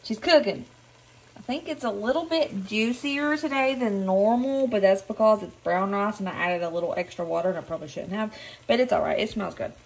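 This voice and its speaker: A woman's voice: mid-range voice, brisk, husky. A woman in her thirties with a Southern US accent, chatting casually through a home cooking vlog in her kitchen. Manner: chatty, upbeat, narrates while cooking. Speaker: vlogger.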